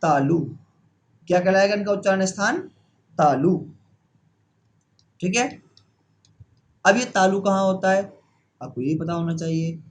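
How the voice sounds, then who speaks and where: A man teaching a pronunciation lesson, asking questions and answering them himself, repeating each key term. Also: high-pitched. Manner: slow, repeating key terms. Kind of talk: classroom-style lesson.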